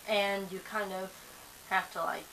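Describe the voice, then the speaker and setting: A young Swedish-speaking woman vlogs casually, rambling with lots of fillers and restarts and seeming a bit sleepy. Her medium-pitched voice is flat, unhurried and sharp in tone. The audio is poor, with a faint hiss.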